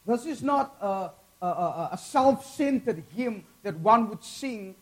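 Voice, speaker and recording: Cape flats south african guy preaching a sermon, pretty high voice, earnest and deliberate. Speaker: guest preacher. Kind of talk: sermon to a congregation.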